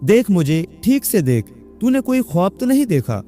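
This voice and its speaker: A man's voice: high voice, very animated, warm tone, faint music behind, voice pushed up. A man voicing an old mother who pleads with her confused son in a storybook tale. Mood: pleading. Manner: pleading, coaxing.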